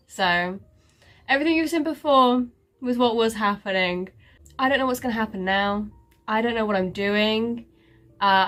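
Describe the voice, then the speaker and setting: A woman vlogger gives a casual life update with a stuffy, congested nose, rambling sarcastically and mocking herself with lots of fillers. Her voice is mid-range and a bit bright.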